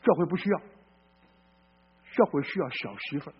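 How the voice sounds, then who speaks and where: At normal speed and with a slightly rough voice, this pastor delivers a plainspoken, folksy sermon full of questions for the congregation. His expressive delivery shifts from loud bursts to quiet murmurs, captured in lo-fi sound.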